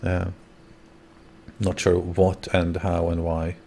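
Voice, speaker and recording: A man's voice: low-pitched, completely flat delivery, slow pace, gravelly, a little mellow, slight background noise. A man hosting a livestream, talking casually to his viewers and guests. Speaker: livestream host.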